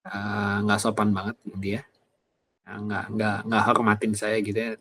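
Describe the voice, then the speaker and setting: Low-voiced man preaching casually. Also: little pitch movement, a little slow, fairly bright tone, slight background noise. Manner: chatty, many fillers like gitu ya, personal anecdotes. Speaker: evangelist preacher. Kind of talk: casual conversational sermon.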